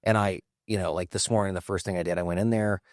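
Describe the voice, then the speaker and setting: A man in his forties with a Central Pennsylvania accent, an earnest podcast host talking openly in quick bursts. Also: sits low, steady tone, no room sound, clean studio sound. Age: 40s. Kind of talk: conversational interview.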